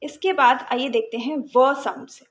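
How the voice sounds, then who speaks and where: A woman teaching phonics, breaking words into separate sounds and then blending them, in a calm lesson. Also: high-pitched, moderate pace. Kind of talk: slow, sound-by-sound phonics lesson in Hindi-English mix.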